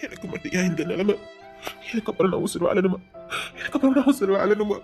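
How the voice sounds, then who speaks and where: A man's voice: high voice, lively intonation, fast talker, faint music behind. A man playing a heartbroken young man who was rejected by his bride, speaking with a Tirunelveli accent in a pleading, despairing way. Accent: Tirunelveli Tamil. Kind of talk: village comedy drama acting.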